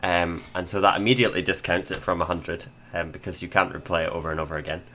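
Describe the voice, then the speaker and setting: A man's voice: low voice, steady tone, quick pace, bright, forceful tone, slight background noise. A man co-hosting a casual music review podcast, reasoning things through with frequent ums. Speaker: podcast co-host.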